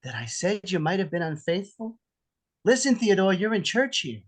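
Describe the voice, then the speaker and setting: A man's voice: sits high, very animated, normal speed. A man playing a menacing, jealous armed husband in a script read, sarcastic, theatrical and profane. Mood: demanding. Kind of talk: table read of a film script. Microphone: video call.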